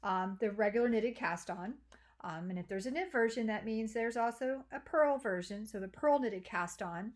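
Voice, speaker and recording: A woman's voice: fairly high pitch, moderate pace. Chatty lady hosting a knitting video, jokey and easygoing. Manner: chatty, self-deprecating, with fillers. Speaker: knitting teacher. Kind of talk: casual tutorial intro.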